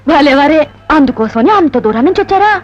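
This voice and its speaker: A naive young village girl who chatters fast in a high, bouncing voice. She sounds excitable and rustic. The film soundtrack is dull, with music playing clearly behind her.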